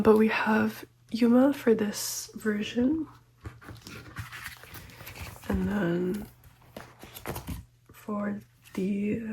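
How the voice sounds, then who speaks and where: A slightly sick, congested young woman talks gently through her photocard collecting vlog, often half-whispering with frequent ums and little laughs. Her medium-pitched voice has a breathy edge, and the audio quality is poor.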